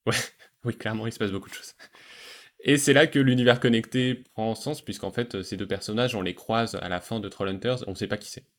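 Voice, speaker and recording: A man hosting a relaxed podcast conversation, talking enthusiastically about animated series with frequent fillers and restarts. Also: fairly low pitch, a little fast. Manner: enthusiastic, hesitant with many fillers. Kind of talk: casual chat.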